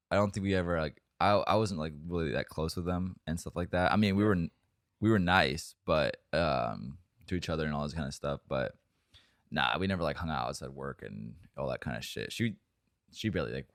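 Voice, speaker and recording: A man's voice: very deep voice, gravelly, dry recording, clean studio sound. A young man co-hosting a podcast, telling a long story in a rambling, profane, laughing way. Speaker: podcast co-host. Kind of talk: casual storytelling chat.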